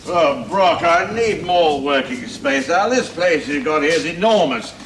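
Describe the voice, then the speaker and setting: In a 1970s television drama, a man plays an awkward, earnest engineer and inventor who pleads his case, hesitant yet insistent. His voice is somewhat high, expressive, unhurried, and fairly bright, heard over a noisy soundtrack of that era.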